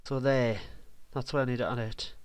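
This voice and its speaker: A man's voice: medium pitch, fairly even intonation, normal speed, clear, resonant tone, no echo. A man vlogging while he edits a track, rambling playfully and mouthing out beat sounds as he goes. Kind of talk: casual commentary while editing music.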